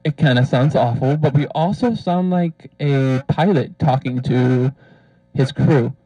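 A young male co-host heard through an old karaoke mic that sounds like a cockpit intercom, dull and dry. His tone is mellow, and he answers briefly and hesitantly. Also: medium pitch, measured pace, slightly rough, dry recording. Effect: muffled karaoke-machine mic, like a pilot on an intercom. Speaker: podcast co-host. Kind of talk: casual chat.

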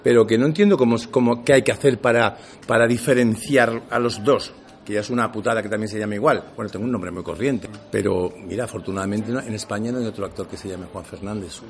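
A fast-talking middle-aged man with a lowish voice, an actor from Seville, gives a casual interview. He animates his stories by performing the dialogue in them, and his accent switches between neutral Castilian Spanish for work and Andalusian at home.

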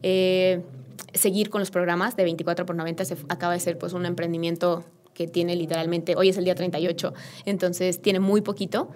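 A woman with a Mexican accent, a podcast guest telling a personal story in a lively, emotional, chatty way. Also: lowish voice, a little fast, slight background noise. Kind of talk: casual interview storytelling.

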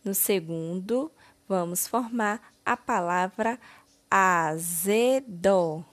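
Slow, deliberate Brazilian woman teacher. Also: medium pitch. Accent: Brazilian Portuguese. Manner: slow, deliberate, syllable-by-syllable word stretching. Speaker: primary school teacher. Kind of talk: slow, clear lesson narration.

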